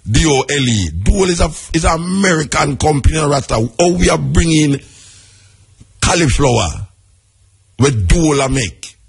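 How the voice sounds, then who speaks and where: Jamaican guy doing radio commentary in patois, really raspy husky voice, emphatic and chatty. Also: fairly high pitch, lively intonation, moderate pace. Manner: emphatic, conversational, repeats points. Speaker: radio host.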